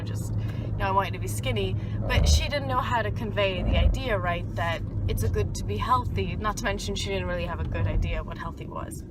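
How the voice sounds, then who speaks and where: A young woman talks frankly about growing up, stopping and restarting as she finds her words. She is recorded outdoors by a street, with loud traffic sounds all around her. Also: mid-range voice. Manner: frank, halting, with many fillers. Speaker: interviewee. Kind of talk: personal testimony.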